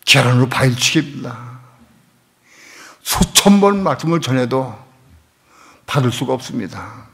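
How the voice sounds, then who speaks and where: A middle-aged male pastor preaching a sermon, telling a personal story with strong emotion, dropping to a hush and then rising to loud emphasis. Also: mid-range voice, animated, a little slow, creaky, pauses often.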